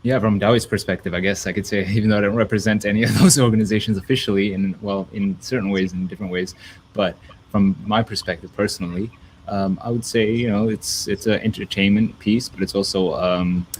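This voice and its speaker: A man's voice: fairly low pitch, steady tone, fairly quick, a little hiss or hum, rough recording. A man born in Ethiopia and raised in America, talking casually as a guest, rambling with many fillers and restarts. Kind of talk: casual conversation.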